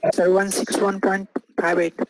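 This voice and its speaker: A man's voice: sits high, level tone, moderate pace, background noise. A male student giving short, respectful answers in an online class.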